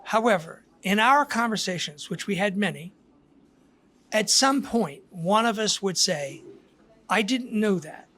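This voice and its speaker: An older man with a notably high voice tells stories in a relaxed, reflective way. He talks like a guest on a casual podcast and often restarts his sentences as he works his thoughts out. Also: measured pace. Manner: storytelling, reflective, with frequent restarts. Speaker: guest author.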